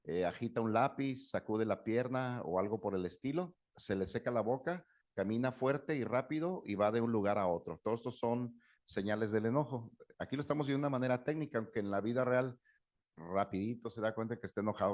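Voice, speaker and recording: A man's voice: mid-range voice, brisk, darkish tone. A middle-aged man, a psychologist giving a conversational lecture, acting out quoted dialogue and often checking in with "¿no?". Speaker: psychologist giving a talk on anger. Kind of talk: lecture with anecdotes.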